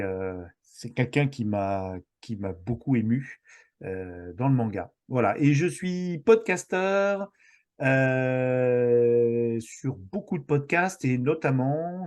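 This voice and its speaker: A man's voice: medium pitch, a little mellow. A man from France, a guest on a podcast, talking enthusiastically but hesitantly, with many fillers and restarts. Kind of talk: casual podcast chat.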